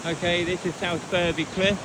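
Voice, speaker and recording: A man's voice: sits high, little pitch movement, a little fast. A man chatting casually to viewers as he narrates a walk outdoors, talking over the wind. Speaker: walking vlogger. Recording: loud wind noise on outdoor recording. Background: strong buffeting wind.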